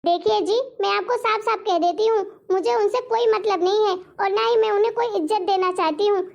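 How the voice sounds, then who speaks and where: A woman voicing a defiant young wife who scolds her husband loudly and rudely, scorning her mother-in-law, in a cartoon story. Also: very high-pitched, brisk, creaky. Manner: loud, scolding, rude. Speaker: daughter-in-law.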